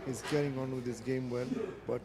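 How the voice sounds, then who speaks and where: Mid-pitched man co-commentating on darts. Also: steady tone, brisk, a loud crowd. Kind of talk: live sports commentary. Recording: clearly noisy live event sound.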